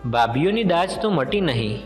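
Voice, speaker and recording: A man's voice: fairly high pitch, moderate pace. Male storyteller, roomy hall, music behind. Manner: steady, plain storytelling. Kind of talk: scripted folk tale narration. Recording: reverberant hall with background music.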